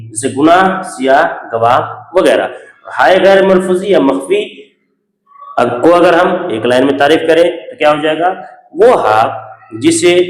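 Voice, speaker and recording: Echoey man teaching grammar, quizzing himself. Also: on the high side. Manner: asks the class questions and answers them himself; repeats key terms with frequent "theek hai". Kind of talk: exam-prep grammar lesson. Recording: echoey room.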